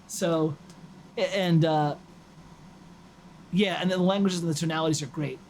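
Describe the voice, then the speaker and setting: High-voiced man, animated music chat. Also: slight background noise. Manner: animated, rambling, quick to laugh. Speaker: host.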